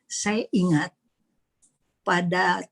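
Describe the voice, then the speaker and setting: A woman's voice: on the low side, steady tone, extremely slow, creaky. A middle-aged woman preaching a charismatic sermon, dramatic and repetitive, dropping to a whisper when she quotes. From Indonesia.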